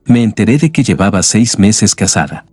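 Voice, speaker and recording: A man voicing a weary, scarred man in an audiobook, speaking quietly and ruefully. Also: on the low side, expressive, moderate pace, slightly rough, no echo, soft background music. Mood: calm.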